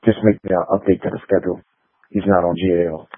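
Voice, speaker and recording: A man's voice: deep voice, little pitch movement, fast talker, breathy edge, no echo. A man talking in terse call codes over a police radio transmission. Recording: tinny, dry police radio.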